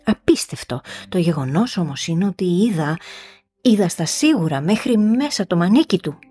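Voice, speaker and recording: A woman reading the lines of an irritable, jumpy gentleman scholar in an audiobook story. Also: fairly low pitch, sing-song, husky, soft background music.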